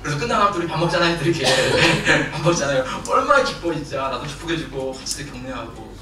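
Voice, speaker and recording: Male pastor, animated sermon delivery, distant mic in a noisy echoing sanctuary. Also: on the high side, fairly quick. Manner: animated, laughing and shouting in bursts. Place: church sanctuary. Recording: echoey hall from far off, noisy.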